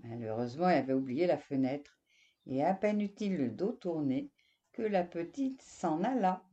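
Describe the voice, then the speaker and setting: A woman reading a story aloud in an expressive way, speaking straight to the listener. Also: sits low, moderate pace. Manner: expressive, addresses the listener directly. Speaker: narrator. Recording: dull lo-fi recording.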